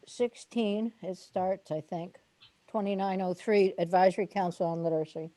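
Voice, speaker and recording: A woman legislator who keeps clearing her throat and sneezing, speaking haltingly and repeating words. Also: mid-range voice, steady tone, warm tone.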